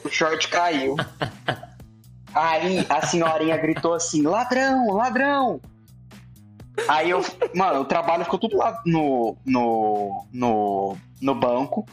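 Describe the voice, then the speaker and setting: A young man tells a story in a relaxed, slangy way. His voice sits a little high, and he drops into other people's voices as he tells it. Faint music plays in the background. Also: slow pace. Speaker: storyteller guest. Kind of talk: casual storytelling.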